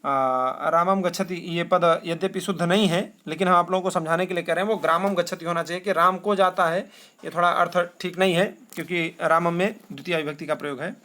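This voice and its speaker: High-voiced man teaching Sanskrit metre. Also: flat delivery, pushed and bright. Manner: asks rhetorical questions and answers them himself; chants verses slowly. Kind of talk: classroom lesson.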